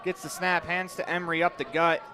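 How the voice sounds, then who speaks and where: Midwestern guy calling a high school football game, kinda high voice, crowd loud behind him outdoors. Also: background noise. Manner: rapid excited calls, rising on big plays. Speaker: play-by-play announcer. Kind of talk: live football play-by-play.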